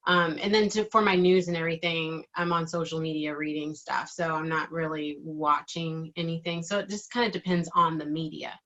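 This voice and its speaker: A middle-aged woman speaks in a bright, clear-edged voice that sits a little low. She answers interview questions casually, feeling her way through phrases and letting some trail away. The recording is somewhat dull and lo-fi. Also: steady tone, moderate pace, hardly any pauses. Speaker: interviewee, digital marketing team member.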